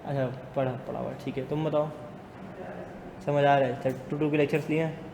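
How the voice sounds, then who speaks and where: A man teaching a business law class in a classroom. He talks fast, teases students and mixes English into his speech. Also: fairly high pitch, flat delivery. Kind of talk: classroom lecture. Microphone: not using the class mic. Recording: echoey classroom with long reverb and faint noise.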